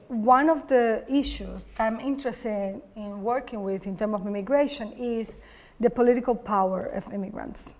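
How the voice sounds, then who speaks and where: Woman from Cuba, native Spanish speaker, artist talk, somewhat high voice, halting and searching. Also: darkish tone. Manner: halting, searching for words with many fillers. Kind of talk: public talk. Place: gallery talk before an audience.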